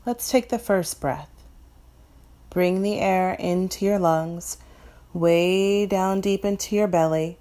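A woman from Florida leading a guided meditation in a soft, calm, instructive way. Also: fairly low pitch, slow.

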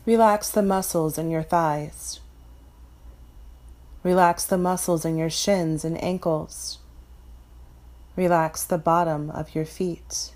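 A woman from Florida guides a meditation in a soft, slightly low voice. She gives gentle instructions very slowly and calmly, leaving long pauses between them.

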